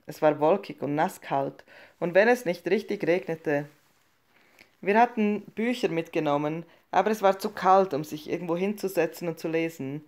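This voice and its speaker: A woman narrating a short story as an audiobook reading, in a calm, measured and subdued way. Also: fairly low pitch.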